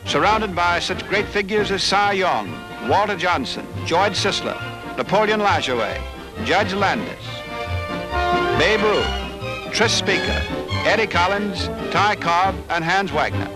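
A man narrating an old newsreel in a brisk, formal announcer manner. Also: high-pitched, expressive, loud music behind the voice, poor audio.

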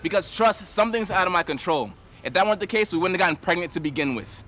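A man's voice: high voice, lively intonation, fast, bright, forceful tone. A man playing a blunt, defensive young father in a web series drama.

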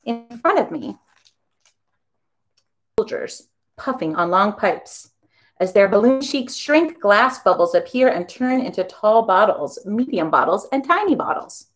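Woman, children's music teacher, storybook read-aloud, expressive, animated. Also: medium pitch, a little slow.

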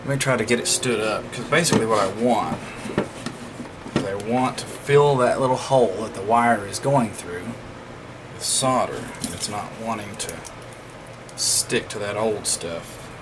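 This man's voice sits on the low side and moves at normal speed. Hosting an electronics repair vlog at an indoor work table, he offers informal, folksy commentary, thinking aloud as he works, and the home recording carries clear background noise.

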